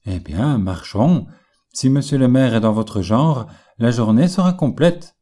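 A man's voice: mid-range voice, expressive, a little slow, dark tone, lightly acted. A man reading an audiobook, voicing a carefree male travelling painter who answers with ironic, jaunty retorts. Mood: mocking.

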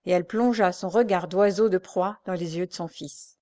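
Woman narrating a classic novel. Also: fairly low pitch. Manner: steady, measured storytelling. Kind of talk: audiobook reading of a classic novel.

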